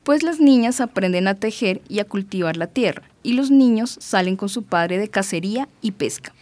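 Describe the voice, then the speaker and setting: A woman's voice: medium pitch, lively intonation, normal speed, a little mellow, no echo. A woman playing a patient mother who reads and explains a story in an educational radio drama. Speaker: mother and narrator.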